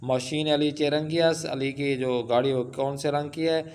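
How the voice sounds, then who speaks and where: A man teaching Persian in an online lesson. He reads Persian sentences aloud and then explains them slowly, with many filler sounds. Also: fairly high pitch, steady tone, darkish tone, a little hiss or hum.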